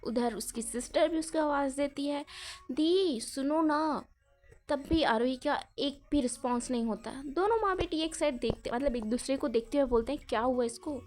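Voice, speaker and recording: A woman's voice: high-pitched, brisk, hardly any pauses, darkish tone. A woman hosting her channel and narrating an audio story in a chatty way, mixing English words and fillers. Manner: chatty, mixes English into Hindi, many fillers.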